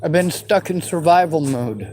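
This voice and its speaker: Swearing and bitter, a man in his forties from the western US answers viewers' questions on his vlog in an unscripted, angry rant. He speaks at normal speed in a fairly high, slightly mellow voice with lively intonation, over faint background music on a low-quality recording.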